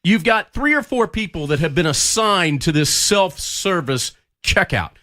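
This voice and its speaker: A man's voice: sits high, lively intonation, unhurried, bright, forceful tone. A man co-hosting a radio show, complaining bluntly. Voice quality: blunt, ranting, politically incorrect cowboy. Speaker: radio co-host. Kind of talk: casual radio chat. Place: radio studio.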